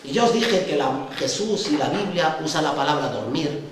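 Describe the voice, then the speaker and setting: A man's voice: fairly high pitch, lively intonation, moderate pace. A male pastor with a Spain Spanish accent giving a sermon in a conversational way, often ending phrases with tag questions. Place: church hall. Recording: echoey church hall, distant mic, faint noise.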